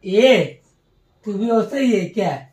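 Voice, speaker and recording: A man's voice: sits high, expressive, slow pace, a little mellow. A man in a casual home vlog, chatting to viewers as friends and cooing at a pet. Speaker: vlogger.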